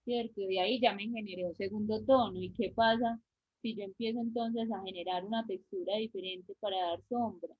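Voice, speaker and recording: Her mid-range voice holds a fairly even intonation at a normal speed as this Antioquian Colombian drawing teacher explains things step by step online. She checks in regularly with her students, and the video-call audio sounds muffled.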